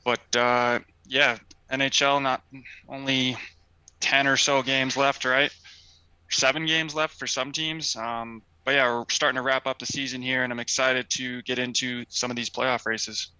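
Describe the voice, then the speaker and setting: A man with a very bright, crisp and smooth voice, recorded dry and close. He chats enthusiastically on a casual sports podcast, leaning on easygoing fillers. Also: mid-range voice, level tone, measured pace, no room sound, rough recording. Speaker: podcast co-host.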